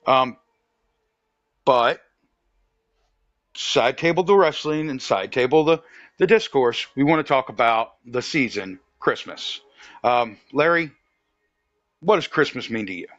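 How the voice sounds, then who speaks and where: A man's voice: medium pitch, lively intonation, a little slow, long pauses, a bit bright, no room sound. A man hosting a podcast, chatting casually and thoughtfully, with frequent fillers and restarts. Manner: easygoing, reflective, many fillers and restarts. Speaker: podcast host. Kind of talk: casual conversation. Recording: dull lo-fi dry sound.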